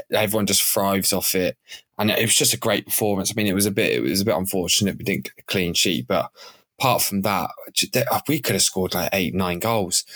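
Man, croaky hoarse voice, deep, excited podcast co-host, dry sound. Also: dry recording. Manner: excited, enthusiastic. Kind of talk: casual podcast chat.

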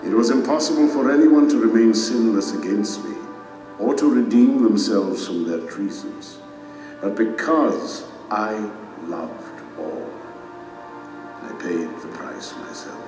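A majestic king passing judgment in an audio drama. His delivery is low, solemn and deliberate, declaimed like a sentence from the throne. It rings through a long, echoing hall over clear background music. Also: lively intonation. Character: majestic stern king and divine judge pronouncing sentence. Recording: echoey reverberant hall, distant, music underneath.

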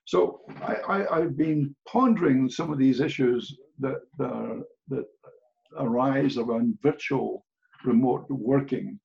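A man's voice: mid-range voice, slow, gravelly, a little mellow, highs cut off. An older man with a Scottish accent, speaking as a guest in a casual podcast interview, blunt and plain-spoken with dry humor. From Scotland.

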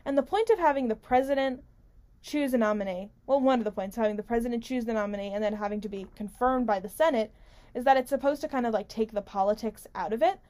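A woman hosts a weekly political talk radio show, speaking in a slightly high, a little mellow voice at a quick pace. She's opinionated and unscripted, rambling conversationally, stressing words emphatically and interrupting herself. Her studio-style mic is pulled close, and its stand squeaks.

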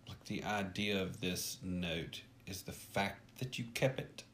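A man's voice: low-pitched, a little slow, a little hiss or hum. A man co-hosting a podcast, talking casually about a book and agreeing often. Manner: agreeable, lively, frequent back-channel affirmations. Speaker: podcast co-host.

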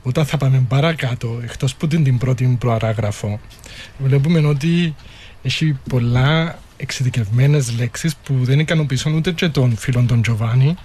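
A man with a Cypriot Greek accent, thinking aloud haltingly in an unscripted discussion. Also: mid-range voice, a little mellow, breathy edge.

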